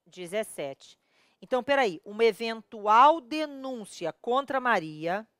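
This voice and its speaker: A woman's voice: mid-range voice, clean tone, no echo, studio quality. A woman with a Brazilian accent teaching criminal law at a whiteboard, emphatic and constantly checking that the viewer follows. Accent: Brazilian Portuguese. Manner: counts dates aloud, pauses to correct herself.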